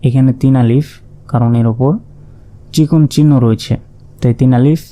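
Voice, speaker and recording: A man's voice: mid-range voice, steady tone, moderate pace, mellow. A man teaching Quran recitation in Bengali with a Bangladeshi accent. He spells out letters and vowel marks one by one, then chants the joined word. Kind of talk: slow spelled-out Quran reading lesson.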